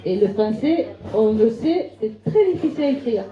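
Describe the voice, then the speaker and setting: A woman author from Spain, a native Spanish speaker, speaks with a Spanish accent. She answers audience questions haltingly and restarts her sentences. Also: on the high side, lively intonation, warm tone. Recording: roomy, slightly dull sound.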